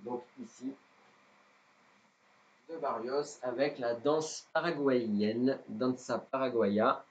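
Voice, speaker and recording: A man with a non-native French accent gives a guitar lesson over a live stream, speaking slowly at a medium pitch through dull audio. He sounds hesitant, puts himself down, and leans heavily on filler words.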